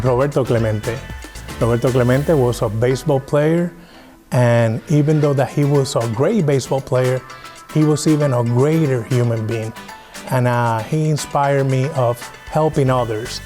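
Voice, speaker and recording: A man's voice: medium pitch, normal speed, mellow, soft background music. A man from Puerto Rico, a native Spanish speaker with a Puerto Rican accent, giving a personal testimonial as an emergency services sergeant.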